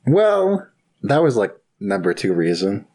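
Brash man player, very deep voice. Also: sing-song, unhurried, a little mellow. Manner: brash, swearing. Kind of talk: casual chat at a tabletop game.

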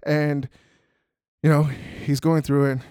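A man's voice: a little high, flat delivery, takes it slowly, mellow, clean tone, no echo, clean studio sound. A young man hosting a podcast, talking in a casual, rambling monologue full of "you know" and "right?". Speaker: podcast host.

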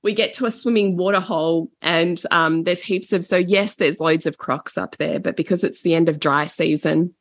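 A middle-aged woman spins a rambling holiday story in easy, casual talk, now and then acting out the other people in it. Her voice sits a little low, and it is recorded close and dry, with no room sound. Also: moderate pace, few pauses, no room sound. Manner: animated, acts out voices in stories, swears casually. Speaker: podcast guest.

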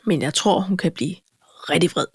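A woman's voice: lowish voice, breathy edge, dry recording, studio quality. Wry, teasing woman co-host. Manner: wry, teasing, quick with jokes. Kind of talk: casual chat.

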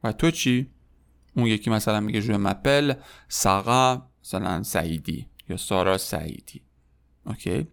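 A man in his thirties from Iran, a French teacher giving a podcast lesson, saying French phrases slowly and clearly and explaining them quickly in Persian. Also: fairly low pitch. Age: 30s.

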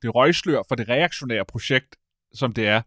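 A man in casual conversation as a podcast host, rambling and animated, often stopping to correct himself. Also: medium pitch, no echo, studio quality. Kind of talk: casual chat.

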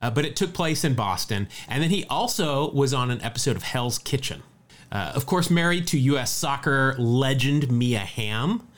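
Guy on a sports podcast, lively voice going up and down, rattling off numbers. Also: mid-range voice, moderate pace. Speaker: podcast co-host. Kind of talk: casual sports chat.

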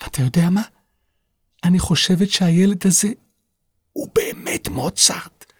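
A man's voice: sits high, expressive, husky, dry recording, studio quality, voice pushed up, exaggerated voice. A man voicing an impatient, anxious young girl in a children's audio story. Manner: impatient, tense, questioning.

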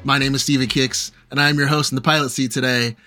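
A man's voice: mid-range voice, little pitch movement, quick pace, sharp tone, soft background music. A man hosting a podcast, opening the episode and teasing his co-hosts in upbeat, playful chat. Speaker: podcast host.

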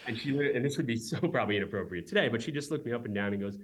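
A man in his forties, a company founder, talking casually as a guest and telling quick stories with many asides. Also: mid-range voice, animated, a little hiss or hum. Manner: quick, chatty storyteller with many "right?" asides. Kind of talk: casual interview talk.

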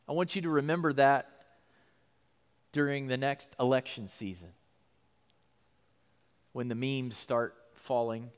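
A male pastor preaching a sermon in an animated way, with his voice climbing as he acts out lines. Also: mid-range voice, big-room sound. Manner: animated preaching, acting out a speaker's lines with rising intensity.

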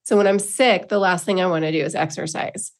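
A woman's voice: on the low side, steady tone, brisk. A woman giving a reflective personal monologue as a self-help host, speaking informally and encouragingly to her listeners.

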